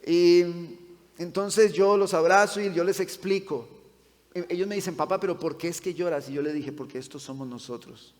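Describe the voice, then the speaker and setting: A male pastor preaching a sermon, telling a story with feeling and swinging between loud passages and hushed ones. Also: sits high, fairly even intonation, moderate pace. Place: church sanctuary. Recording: long hall reverb.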